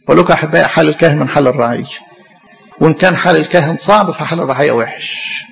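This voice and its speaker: A man's voice: a little high, racing, gravelly, big-room sound, muffled recording, soft background music. A man with an Egyptian Arabic accent, a priest giving an impassioned sermon straight to his congregation. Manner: impassioned preaching, addresses the congregation directly.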